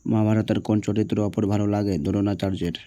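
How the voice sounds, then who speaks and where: A man with a low, mellow voice goes through exam answers question by question. He reads each question, gives the answer, and keeps asking whether it is clear. His tone stays flat and even, and the sound is dry and close. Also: fast talker, no echo. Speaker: teacher.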